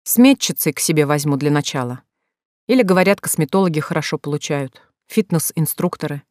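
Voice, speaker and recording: Calm stern brother, as a narrator reads him. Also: mid-range voice, brisk, dry recording, clean studio sound, natural voice. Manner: calm, level, lecturing. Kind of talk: audiobook narration.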